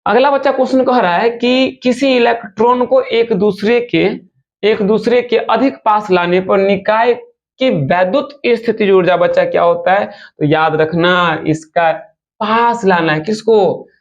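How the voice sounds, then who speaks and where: A male physics teacher, talking fast and chatty as he works through exam questions and speaks to his students informally. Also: sits high. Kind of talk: objective-question exam lesson. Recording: dull lo-fi sound.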